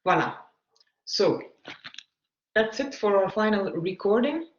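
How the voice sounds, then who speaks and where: A man, an English speaker, giving a recorded navigation lecture in a halting way, with frequent fillers. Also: high-pitched, lively intonation, slight background noise. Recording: echoey room, dull lo-fi sound.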